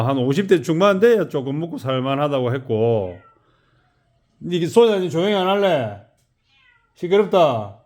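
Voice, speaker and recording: A man's voice: medium pitch, a little mellow. Tired, rambling Gyeongsang man. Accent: Gyeongsang Korean. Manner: rambling, loose and chatty. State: tired from an all-night job. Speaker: car detailing shop owner. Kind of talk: casual vlog narration.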